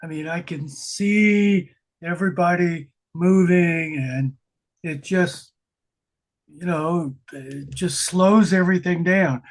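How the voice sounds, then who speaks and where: An older man sharing memories in a casual workshop, relaxed and hesitant with frequent fillers. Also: sits high, slow. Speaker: conference participant.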